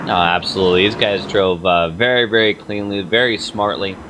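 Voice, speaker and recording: A man giving measured, analytical color commentary on a sim race broadcast. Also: low-pitched, steady tone, background noise.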